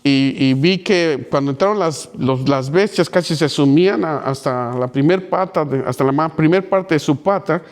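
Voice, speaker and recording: Pastor guy preaching, slightly high voice, goes from hushed to loud and pleading. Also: moderate pace, few pauses. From Mexico. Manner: dramatic storytelling with wide swings from near whispers to loud pleading. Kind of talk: sermon.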